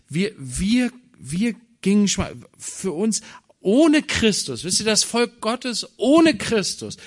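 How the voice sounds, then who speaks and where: A man preaching a sermon, animated, swinging from soft asides to loud emphatic lines and talking straight to his listeners. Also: on the high side. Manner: addresses listeners directly with "wisst ihr".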